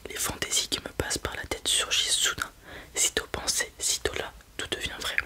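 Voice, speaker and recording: A person doing an ASMR whispered role-play as a helpful librarian, speaking in a soft, breathy library whisper. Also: brisk. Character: helpful librarian recommending children's books to a parent.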